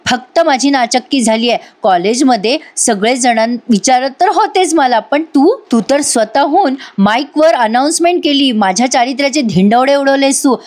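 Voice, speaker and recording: A woman voicing a spurned young woman who shouts and pleads in anger, read aloud in a voice-over episode recap. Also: high voice, animated, normal speed, hardly any pauses. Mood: accusing.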